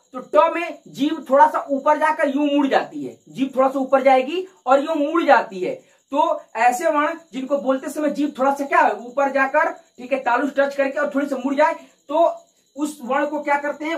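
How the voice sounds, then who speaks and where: A woman's voice: high-pitched, rough recording. A woman teaching an exam-prep grammar lesson, asking herself questions and answering them while showing mouth positions. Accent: Hindi. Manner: repetitive, rhetorical questions answered herself, addresses "दोस्तों".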